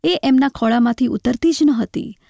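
A woman reads a literary story aloud, measured and reflective. Her voice is high with a gravelly creak. The sound is close and dry. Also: mellow, no echo. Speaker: narrator.

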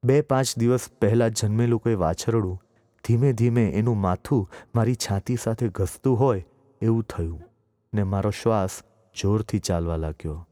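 A man narrating a story in a slow, measured reading voice. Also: fairly low pitch, dark tone. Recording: dry voice with long reverb tail.

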